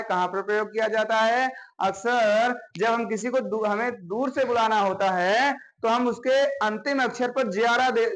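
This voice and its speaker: A man with a notably high voice teaches a class of students. He moves through the material step by step, pausing again and again to check that everyone is following. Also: a bit bright, low-quality recording. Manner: explains step by step, often checking with "है ना?". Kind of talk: classroom grammar lesson.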